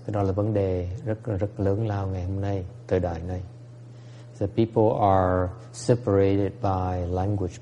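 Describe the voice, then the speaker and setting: A man's voice: sits low, dark tone, highs cut off, slight background noise. A man giving a Buddhist teaching, moving between English and Vietnamese with frequent fillers and questions to the audience. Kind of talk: bilingual dharma talk. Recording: long hall reverb.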